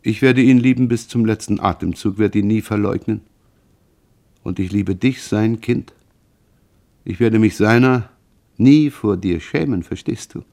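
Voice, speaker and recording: A man reading a grieving mother, slow and gravelly. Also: lowish voice, darkish tone. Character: grieving middle-aged mother, confessing and frightened. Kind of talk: audiobook reading.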